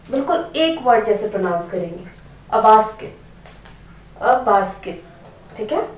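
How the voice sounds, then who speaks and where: A woman's voice: a little high, far from the mic. A woman teaching English grammar, patiently repeating words and asking learners questions as she goes. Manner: asks rhetorical questions. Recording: echoey room, voice from off the mic, faint noise.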